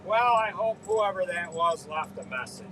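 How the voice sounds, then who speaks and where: A man's voice: high voice, expressive, moderate pace, background noise. A man, a farmer, casually telling a story to his live stream viewers while loading hay, easygoing and laughing things off.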